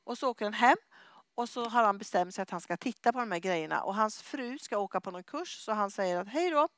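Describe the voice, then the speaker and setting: A middle-aged woman preaching and telling a story, lively, acting out the people she quotes and dropping to a whisper at times. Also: mid-range voice. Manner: lively, acts out quoted voices, drops to whispers. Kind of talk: animated sermon storytelling.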